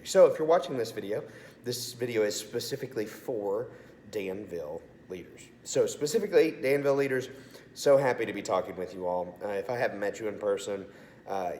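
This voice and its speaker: With a lowish, slightly mellow voice and a brisk pace, an assistant pastor of student ministry offers an upbeat, casual video message. He sounds congested and sore-throated. Slight background noise and heavy room echo color the recording.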